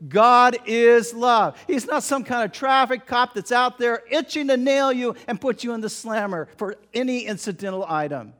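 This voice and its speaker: A man preaching a sermon, dramatic, dropping to a hush and then rising to loud emphasis. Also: high voice.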